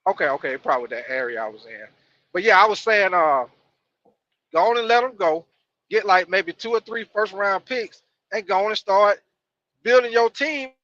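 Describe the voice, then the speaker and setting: A high, bright-voiced man talks in a laid-back, repetitive way from inside a moving car. His phone call is dull and lo-fi, and the line keeps cutting out and breaking up. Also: expressive, normal speed. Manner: laid-back, repeats himself with fillers. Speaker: co-host calling in. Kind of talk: casual sports chat.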